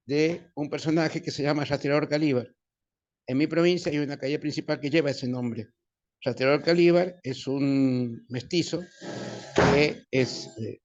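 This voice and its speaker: A man from Argentina who studies linguistics, making a halting, friendly comment in a seminar question round over a video call. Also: mid-range voice, a little mellow. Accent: Argentine Spanish. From San Juan, Argentina. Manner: halting, repeats words, friendly. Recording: dull muffled call audio.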